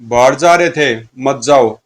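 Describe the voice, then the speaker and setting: Hissing hungry ghoul chorus voiced by a man, low and menacing, comic-book horror audio story. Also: slow. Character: bloodthirsty male ghouls of a haunted mansion.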